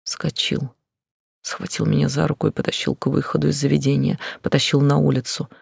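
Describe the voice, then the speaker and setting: Husky man narrating in a hushed voice. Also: a little high, monotone, brisk. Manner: quiet, intense, often whispered delivery. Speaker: audiobook narrator. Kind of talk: first-person novel narration.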